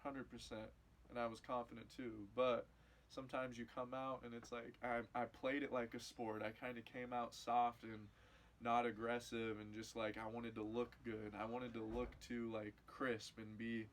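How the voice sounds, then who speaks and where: A man who competes in MMA, answering interview questions in a casual way, repeating himself and getting more animated when excited. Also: mid-range voice, normal speed, rough recording. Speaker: MMA fighter.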